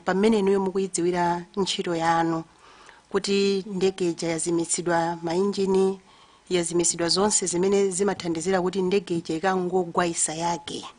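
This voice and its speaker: Courteous low-voiced Malawian woman. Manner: courteous, deferential. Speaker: parliamentary committee member. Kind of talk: formal questioning at a hearing.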